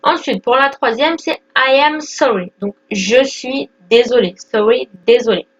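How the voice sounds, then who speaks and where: A young woman in her twenties walks learners through the basics in a casual lesson, pausing on fillers and checking in often. Her voice sits a little high. The recording sounds dull and lo-fi. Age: 20s. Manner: explains step by step with many fillers and "d'accord?". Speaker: English teacher.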